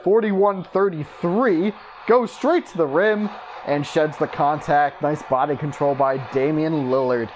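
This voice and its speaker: A man doing mock play-by-play basketball commentary for a gaming video, calling each play in brisk clipped bursts, his voice jumping up on big plays. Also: a little high, slight background noise. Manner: excitable, voice jumps up on big plays. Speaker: YouTube gaming creator.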